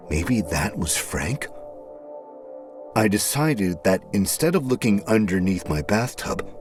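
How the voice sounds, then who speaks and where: Over music, a man with a low-sitting voice narrates a scripted first-person horror story, dramatic and suspenseful, with deliberate phrasing.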